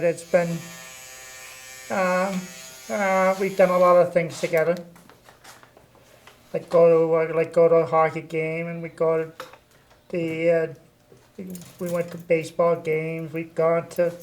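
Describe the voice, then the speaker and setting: A man's voice: fairly high pitch, rough recording. An older man chatting casually in a barbershop, hesitant and repeating himself. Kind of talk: casual chat.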